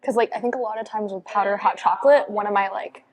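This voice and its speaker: Speaking quickly in a mid-range voice with fairly even intonation, a young woman records a casual vlog chat while sitting on a couch inside a cafe. She's bubbly and leans heavily on fillers such as "like" and "um," and background noise is audible.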